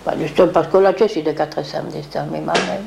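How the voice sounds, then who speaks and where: A woman's voice: low-pitched, steady tone, quick pace, creaky, noisy background. An older woman, reminiscing in a rambling way and acting out what others said. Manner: rambling, acts out quoted speech. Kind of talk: reminiscing oral history.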